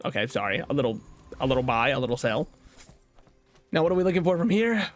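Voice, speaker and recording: A man streams a card game, chatting casually through his moves, swearing now and then and laughing at his own jokes. His medium-pitched voice is sing-song and quick, with faint music behind.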